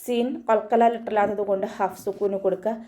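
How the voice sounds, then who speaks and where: A woman teaching an online Quran recitation class, patiently explaining each sound step by step and chanting sample verses slowly in between. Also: mid-range voice, steady tone, warm tone. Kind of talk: online tajweed lesson.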